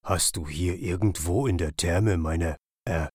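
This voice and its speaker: A man's voice: low-pitched, unhurried, darkish tone, slightly rough, dry recording, clean studio sound. A man voicing a good-natured, clumsy otter in a children's audio story, hesitant and sheepish.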